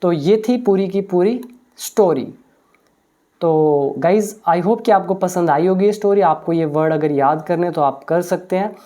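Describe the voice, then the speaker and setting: Her voice on the low side and dark in tone, a woman teaches English by explaining a story line by line in Hindi and English. She patiently translates each phrase and pauses often with hesitation sounds.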